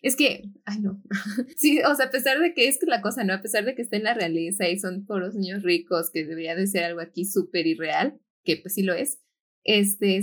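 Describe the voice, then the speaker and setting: Young woman, podcast co-host, animated and laughing, mid-pitched voice. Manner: animated, laughs often, many fillers. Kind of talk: casual chat.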